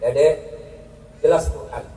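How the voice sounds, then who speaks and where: A man preaching a humorous sermon to a live audience, joking and acting out quarrels in high and low voices. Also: unhurried, mellow. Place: large hall with a live audience. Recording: echoey, from far off, crowd and noise behind.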